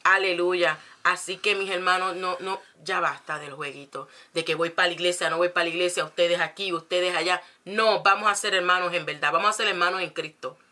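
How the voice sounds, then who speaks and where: A woman's voice: on the low side, fairly even intonation, a little fast, few pauses, pushed and bright. A woman preacher, preaching fervently with rhetorical questions and repeated phrases. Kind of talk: preaching to a congregation.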